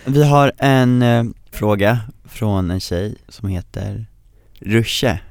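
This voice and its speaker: A man co-hosting a casual podcast chat in a relaxed way, reading out listener questions. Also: fairly low pitch, gravelly, clean tone, dry recording, clean studio sound. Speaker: podcast co-host.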